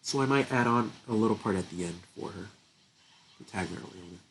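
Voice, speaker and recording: A man's voice: lowish voice, quick pace, a bit bright, slight background noise, poor audio. A young man with a stuffy nose, getting sick, chatting casually through his gameplay commentary, laughing often and thinking aloud. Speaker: gaming channel host.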